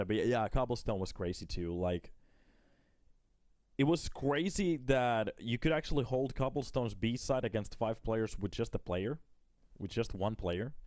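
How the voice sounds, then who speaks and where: A Finnish esports caster gives casual live commentary, chatting with his viewers between plays. His mid-range voice has a darkish tone, recorded at studio quality with no echo.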